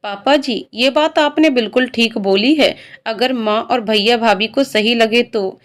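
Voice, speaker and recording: A woman reading the part of a respectful middle-aged father in a spoken story, pitched a little lower. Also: a little slow, lightly acted. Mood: polite.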